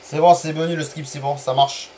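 Chatty French streamer, excited match calls. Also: male voice, a little high, brisk, slight background noise, poor audio. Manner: chatty, apologetic about stream bugs, excited calls of goals and penalties. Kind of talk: live gameplay commentary.

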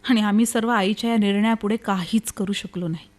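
An actress in an old-style radio play as an anguished young woman grieving for her sister, speaking in an emotional, halting, dramatic way. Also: mid-range voice, steady tone, natural voice. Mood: sorrowful. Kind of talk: radio play acting, old radio show manner.

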